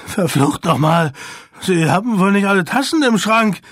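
A man voicing a frightened, blustering man at gunpoint in an audiobook, his voice shrill and breaking as he pleads. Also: lively intonation, normal speed, fairly bright tone, no room sound, studio quality. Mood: shrill fear.

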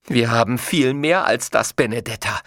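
A man's voice: mid-range voice, moderate pace, fairly bright tone, dry recording, clean studio sound, close to an everyday voice. A man reading a story aloud, voicing a small, quarrelsome young male thief who scolds and complains. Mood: grumbling.

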